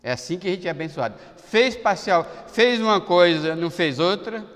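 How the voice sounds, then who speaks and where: A man's voice: high-pitched, animated, normal speed, a bit bright, big-room sound. A man with a Brazilian Portuguese accent, a pastor giving a sermon in a folksy, chatty way with asides.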